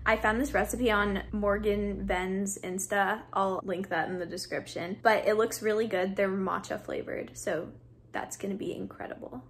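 A woman's voice: mid-range voice, fairly even intonation, normal speed, a little hiss or hum. A woman chatting casually in a home vlog, playful and self-deprecating as she talks through her day. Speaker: vlogger. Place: at home, bedroom and kitchen.

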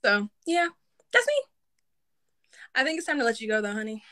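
A young woman hosting a casual livestream, talking candidly and swearing freely in quick bursts. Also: a little high, sing-song, sharp tone. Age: young adult. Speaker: livestream host. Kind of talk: casual live-stream chat.

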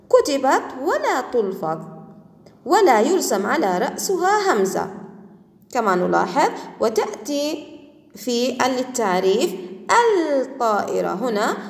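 Patient woman teacher, lively echoing voice. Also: on the high side, creaky. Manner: patient, repeats words slowly and praises often. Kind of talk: classroom grammar lesson. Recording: echoey room with long reverb.

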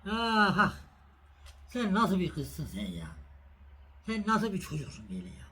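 A man's voice: sits high, wildly swooping pitch, a little slow, bright, forceful tone, slight background noise. A middle-aged man hosting a casual home vlog, making a sandwich for viewers and then calling and coaxing an animal. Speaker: vlog host. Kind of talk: casual cooking and farm vlog.

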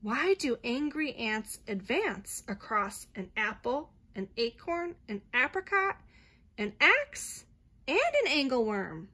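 A woman reading a picture book aloud to a child in a gentle, expressive bedtime storytelling manner. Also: a little high, slow, breathy edge. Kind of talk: soothing bedtime read-aloud.

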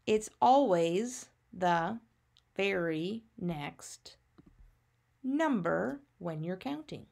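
A woman's voice: on the low side, lively intonation, extremely slow, creaky, darkish tone. A woman teacher narrating a maths lesson for young children, patiently teaching a child to count step by step with simple questions and answers.

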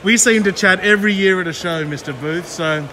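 A man's voice: sits high, bright, forceful tone. A man, vlogging a chatty walkaround of an aquarium expo on a handheld gimbal camera. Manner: upbeat, chatty, fast run-through of booths. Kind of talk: walkaround vlog. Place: large indoor expo hall. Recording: noisy hall with background chatter.

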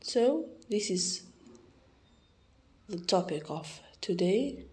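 A young woman teacher with an Algerian accent goes through an exam correction, slowly repeating each word to model its pronunciation. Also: medium pitch, lively intonation, a little mellow. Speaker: English teacher.

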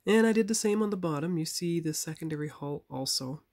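A man's voice: on the high side, brisk, darkish tone. A man casually talking viewers through his model painting, thinking aloud and correcting himself, recorded on a phone camera at a workbench. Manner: chatty, self-correcting, talks to viewers while working. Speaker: model builder and channel host. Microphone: phone camera on a tripod.

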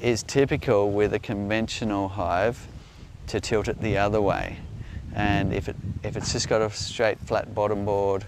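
A middle-aged Australian man gives an unscripted explanation in a halting, measured way. His voice is on the low side and very even in pitch. He is outdoors, with loud noise behind him. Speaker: beekeeper, presenter answering viewer questions. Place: outdoors on an open grassy hillside.

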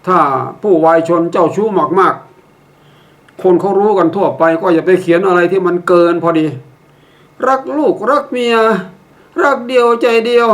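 An older man gives a patient instructional talk, walking listeners through each step. His voice sits a little high for a man. He drops in wry mock examples and keeps a courteous, measured tone. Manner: polite, ends phrases with a courteous particle. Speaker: public speaking instructor.

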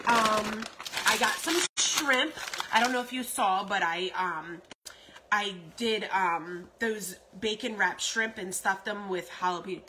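A woman's voice: medium pitch, slow pace. Chatty woman in a noisy kitchen. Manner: chatty, rambling, with frequent ums and self-repeats. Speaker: vlogger. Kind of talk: casual grocery haul vlog. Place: home kitchen, indoors. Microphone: phone camera at arm's length.

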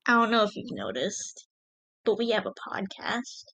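Speaking at normal speed with a medium, somewhat bright voice, this young woman shows big pitch swings and some vocal fry. She co-created and co-hosts a podcast, bantering casually, joking in a mock-dramatic way, and offering thanks. There's no room sound.

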